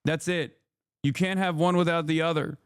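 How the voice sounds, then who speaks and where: A man's voice: on the high side, steady tone, normal speed, smooth, dry recording, clean studio sound. A man streaming a reaction to a clip, ranting in disbelief and swearing freely. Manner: profane, incredulous ranting. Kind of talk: casual reaction commentary.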